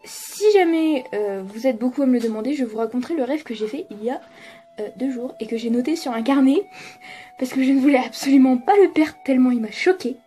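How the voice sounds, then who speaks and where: A young woman with a fairly high but mellow, relaxed voice, chatting casually to camera from her apartment. She laughs a lot and swears freely, with a self-mocking tone, while faint music plays behind her. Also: a little fast. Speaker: YouTuber. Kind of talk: casual vlog chat to camera.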